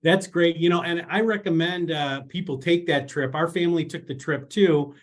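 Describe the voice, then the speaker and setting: A man's voice: a little high, moderate pace. A man hosting an interview podcast, asking questions in a friendly, upbeat way. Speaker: podcast host.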